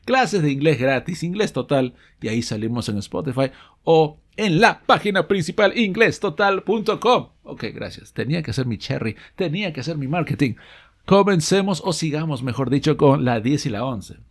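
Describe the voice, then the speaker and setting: An English teacher leads an audio lesson, his lively voice swinging up and down in pitch. He patiently explains each phrase, reads example sentences slowly, and often pauses to check in with listeners and correct his own slips.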